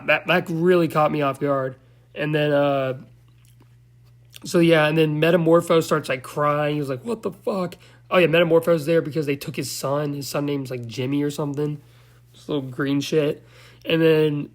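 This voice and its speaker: A man giving a loose, slangy, profane recap of a movie, now and then losing track of names. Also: on the high side. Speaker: movie reviewer.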